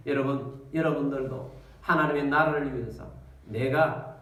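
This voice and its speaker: Recorded from afar in an echoey church, a male pastor preaches to his congregation with a fairly high pitch and brisk delivery. His sermon is an animated story, and he addresses the congregation directly as he tells it.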